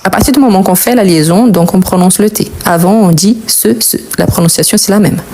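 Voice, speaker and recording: A woman's voice: mid-range voice, fast, background noise. A woman teaching a live French grammar lesson, explaining patiently and repeating key words.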